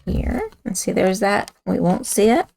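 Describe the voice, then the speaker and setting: A woman with a raspy voice, chatting casually as she demonstrates a card-making craft and talks while she works. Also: mid-range voice, lively intonation, unhurried, noisy background. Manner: chatty, talks while working with hands, self-correcting. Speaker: craft instructor.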